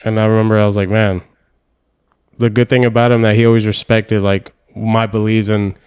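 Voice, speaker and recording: Smooth-voiced man telling lively stories. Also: on the low side, a little fast. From Hawaii. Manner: animated storyteller, acts out voices and sounds. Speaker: podcast host. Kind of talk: casual storytelling chat.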